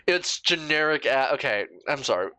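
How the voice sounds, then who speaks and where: Young man swearing through lively reaction commentary. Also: medium pitch, moderate pace, slight background noise. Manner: swears freely, laughs at himself. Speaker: YouTuber.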